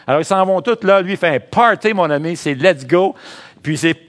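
Lively Quebec French pastor preaching. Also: male voice, high voice, moderate pace. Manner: lively, calls out to the congregation. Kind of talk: sermon.

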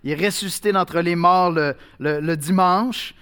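Pastor, conversational sermon. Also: male voice, sits high, normal speed, a bit bright, clear, resonant tone. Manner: conversational preaching with fillers and restarts.

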